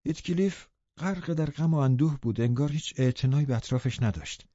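A man narrating an audiobook in a steady, even storytelling manner. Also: medium pitch, no echo, lo-fi sound. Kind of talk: scripted narration.

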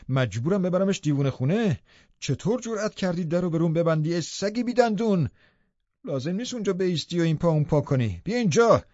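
A man's voice: fairly high pitch, dark tone, breathy edge, no echo, highs cut off, heavily acted. A man reading an audiobook, voicing a brutal, furious man who snarls insults and barks orders.

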